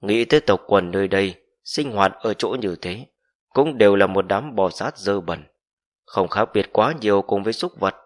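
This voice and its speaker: A man's voice: fairly low pitch, moderate pace, close to an everyday voice. A man voicing a scornful, icy young male cultivator from a fantasy audiobook. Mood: disdainful. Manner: contemptuous, icy. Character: arrogant cold young male winged cultivator.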